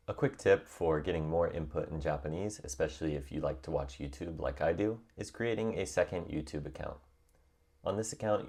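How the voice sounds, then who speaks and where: Very deep-voiced man giving study tips. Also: creaky. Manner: calm, encouraging and reassuring. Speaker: language-learning YouTuber. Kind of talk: scripted tutorial narration.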